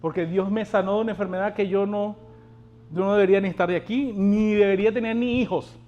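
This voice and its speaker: A man's voice: high voice, fairly even intonation, quick pace, muffled recording. A male pastor preaching a sermon, urging the congregation on and asking them rhetorical questions.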